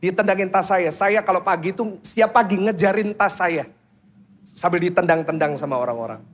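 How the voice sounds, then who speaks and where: A man preaching a sermon as pastor, telling stories, acting out children's voices, and quizzing the congregation with quick questions. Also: sits high, slight background noise. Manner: storytelling that acts out children's voices.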